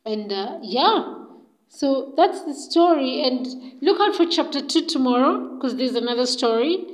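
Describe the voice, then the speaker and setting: A woman's voice: high-pitched, animated, measured pace, rough recording. A woman telling a story in a casual, chatty way, loose and full of fillers.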